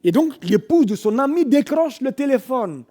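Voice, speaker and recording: High-voiced French preacher telling a story. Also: male voice, very animated, moderate pace. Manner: dramatic storytelling, swelling from hushed to shouting and singing. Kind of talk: sermon storytelling. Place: church.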